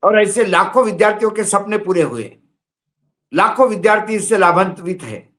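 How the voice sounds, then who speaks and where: A man's voice: high-pitched, lively intonation, moderate pace, fairly bright tone. A man commenting on politics in a studio discussion, heated and rhetorical, repeating his points.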